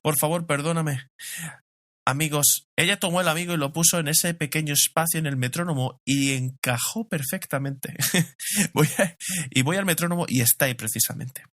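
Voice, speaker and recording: A man's voice: on the high side, fairly quick, fairly bright tone, dry recording. Man, middle-aged, pastor, sermon, conversational, rhetorical questions, personal stories, dry close sound.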